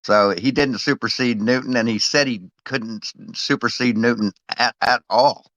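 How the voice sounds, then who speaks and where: Bright-voiced accusatory man. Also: mid-range voice, fairly even intonation, normal speed, no room sound, poor audio. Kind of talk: heated online debate.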